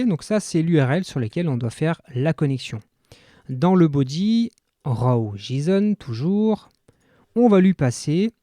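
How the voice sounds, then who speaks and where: A man's voice: fairly high pitch, dark tone, no echo. A man hosting a coding tutorial, explaining each step to viewers with frequent fillers. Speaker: developer tutorial host.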